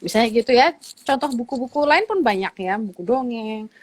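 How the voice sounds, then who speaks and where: A woman's voice: a little high, lively intonation, a little fast. Woman doctor explaining with lots of fillers. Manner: explains patiently with frequent fillers and "gitu". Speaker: doctor guest. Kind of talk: conversational explanation.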